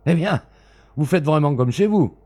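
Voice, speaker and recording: A man's voice: mid-range voice, brisk, mellow, breathy edge, voice pushed up, lightly acted. A man voicing a scheming, frightened man who pleads and protests in an agitated, raised voice, in a storybook reading. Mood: sarcastic.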